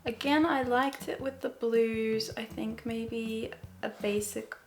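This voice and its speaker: Woman w creaky voice kinda mumbling thru her edit steps, hesitant n repeating words, slow, music behind. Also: fairly high pitch, fairly even intonation. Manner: hesitant, thinking aloud, often repeating words. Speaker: photo editing tutorial host. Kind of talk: casual think-aloud screen tutorial.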